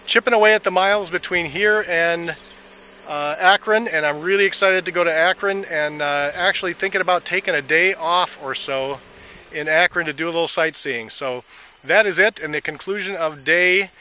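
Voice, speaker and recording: Halting man filming a walk outdoors. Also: a little high, sharp tone, slight background noise. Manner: halting, with many "uh" fillers. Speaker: walker filming a fundraiser walk. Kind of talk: casual video diary. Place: outdoors on rural roads.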